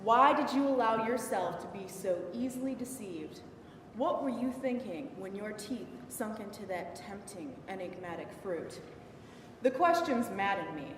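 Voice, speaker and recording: A woman's voice: mid-range voice, expressive, unhurried, close to an everyday voice. A young woman performing a defiant, indignant biblical Eve in a sarcastic, emphatic, conversational stage monologue. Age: young adult. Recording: echoey hall from far off, some noise.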